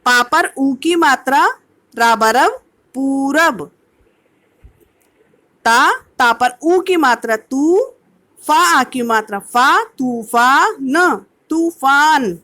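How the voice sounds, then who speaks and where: A woman's voice: high-pitched, lively intonation, drawn-out words, long pauses, pushed and bright. A woman teacher giving an online kindergarten lesson, patiently sounding out words syllable by syllable. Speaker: primary school teacher.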